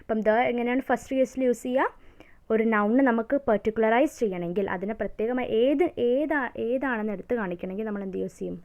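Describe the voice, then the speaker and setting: A woman with a Malayali accent teaching English grammar, who asks her students questions and answers them herself and reads the English examples slowly. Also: fairly high pitch, darkish tone. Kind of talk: lesson explaining grammar to students. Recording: narrow phone-like sound.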